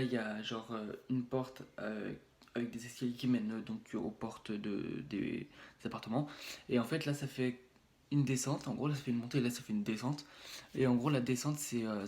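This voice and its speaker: A man's voice: medium pitch, darkish tone. A young man from France with a French accent tells a personal story on his vlog, rambling with many fillers and restarts and acting out blows with sound words. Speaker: YouTuber.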